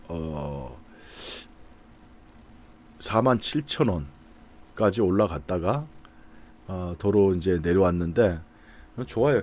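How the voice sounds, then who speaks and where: A middle-aged man with a fairly low, darkish voice comments on the stock market, chatting to viewers over charts. He thinks out loud, using plenty of fillers.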